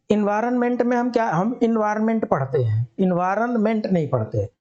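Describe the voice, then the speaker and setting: Teacher explaining spellings, step by step, mellow voice. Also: mid-range voice, big pitch swings, a little slow, breathy edge, dull audio. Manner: explains step by step, asks and answers own questions. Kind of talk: spelling lesson for exam students.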